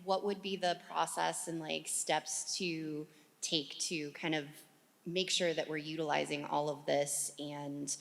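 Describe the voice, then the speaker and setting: Low, gravelly woman, eager client question, reverberant hall. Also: steady tone, a little slow, a bit bright. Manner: eager, filler-heavy. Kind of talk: audience question at a conference. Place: conference hall. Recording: hall reverb from room mic.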